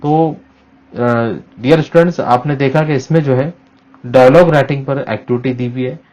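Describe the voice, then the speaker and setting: A man's voice: mid-range voice, fairly even intonation, moderate pace, darkish tone, poor audio. A middle-aged man, a teacher explaining a lesson to students and slipping English phrases into his talk. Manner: explanatory, mixes English into Hindi-Urdu, frequent "uh" fillers.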